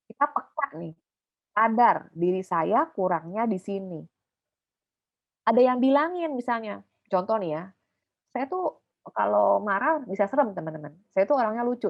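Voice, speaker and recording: A woman giving an animated, emphatic talk to a youth group over a video call, teasing herself playfully. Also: medium pitch, dull audio. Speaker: youth speaker. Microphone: video call mic.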